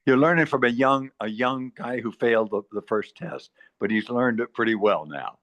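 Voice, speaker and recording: An eighty-five-year-old man in casual group chat, speaking haltingly with repeated words while earnestly giving advice. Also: medium pitch, fairly bright tone, dry recording, muffled recording. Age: 80s. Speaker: meeting participant. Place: retirement community.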